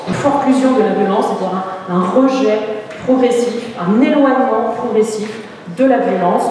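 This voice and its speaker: A woman giving an academic conference talk, pausing often on fillers and restarting her phrases. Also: a little high, noisy background. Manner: hesitant, many fillers and restarts. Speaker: lecturer. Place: lecture hall. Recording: echoey hall, distant mic.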